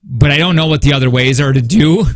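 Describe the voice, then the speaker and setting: A male radio host in his 30s rambles through casual morning radio chat, self-doubting and self-reproachful, with many restarts. His voice is a little high and fast. A studio mic gives dry sound with no room ambience.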